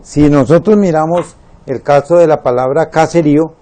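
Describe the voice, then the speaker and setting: A man teaching a Spanish lesson, slowly spelling out words syllable by syllable and counting them. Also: a little high, steady tone, warm tone. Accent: Latin American Spanish.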